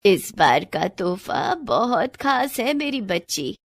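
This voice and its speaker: A woman voicing a kind old grandmother in a storybook tale, speaking slowly and soothingly. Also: medium pitch, very animated, dry recording, exaggerated voice. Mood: tender. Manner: slow, soft and soothing.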